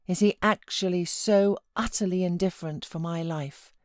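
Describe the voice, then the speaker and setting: In a lowish, natural voice at normal speed, she again portrays the classic novel's feverish, self-pitying young wife of gentle birth, lurching between dramatic outbursts and anguished pleas. The tone is indignant and desperate, captured in a dry, clean studio recording.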